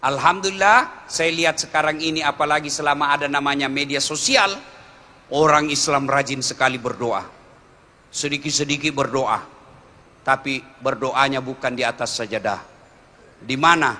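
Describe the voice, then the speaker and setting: A man delivers a humorous sermon, dropping to low asides and then rising to loud exclamations. His voice is strikingly bright and forceful and sits somewhat high. A long reverb trails his words around the hall. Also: steady tone, normal speed, pauses often. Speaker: preacher.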